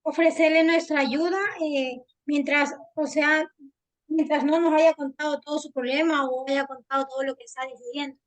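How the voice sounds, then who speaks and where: High-voiced woman answering in class. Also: fairly even intonation, normal speed. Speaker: student.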